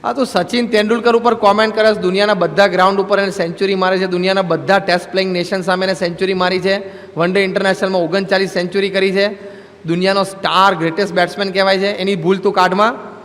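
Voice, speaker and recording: A man with a high, light voice delivers a sermon as relaxed, joking talk about everyday life. His voice rings out through a hall with a long echo. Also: quick pace. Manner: humorous, conversational storytelling with everyday examples. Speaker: religious discourse speaker.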